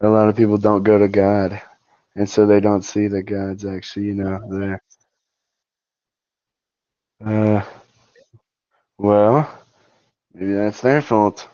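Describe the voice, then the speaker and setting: A man with a lowish voice drawls through casual voice chat, laid-back and mumbling, brushing things off. The sound is dull and lo-fi, with no room around it. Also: level tone, takes it slowly, long pauses, mellow, no room sound. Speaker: voice chat debater.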